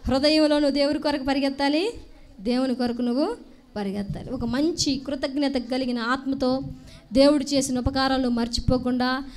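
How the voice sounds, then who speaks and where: A woman's voice: steady tone, normal speed. A woman preaching a sermon, asking the congregation questions and repeating key phrases. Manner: acts out quoted speech in a lower voice.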